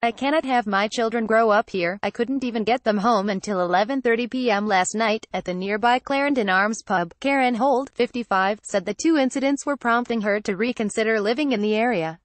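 A woman reading a news article aloud as scripted narration, in an even, flat delivery. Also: a little high, a little fast, few pauses, dry recording. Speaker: news reader.

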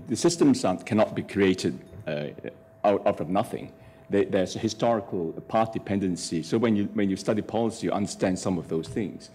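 A middle-aged man on a conference panel, speaking into a table mic, explaining policy in a measured way with frequent hesitations. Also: fairly low pitch, dark tone, husky. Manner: measured, explanatory, many fillers and restarts. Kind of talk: academic panel discussion. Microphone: table microphone.

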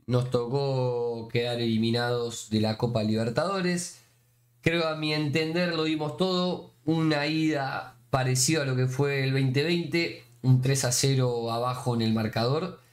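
Excitable young Argentine man streaming. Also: a little slow. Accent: Argentine Spanish. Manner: excitable, yelps in high bursts at every penalty; slang-heavy, talks straight to the audience. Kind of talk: live gameplay commentary.

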